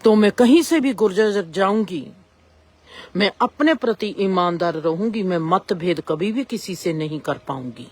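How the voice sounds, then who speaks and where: A woman's voice: mid-range voice, expressive, measured pace. A woman gives a reflective spiritual discourse and asks rising rhetorical questions. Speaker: spiritual speaker.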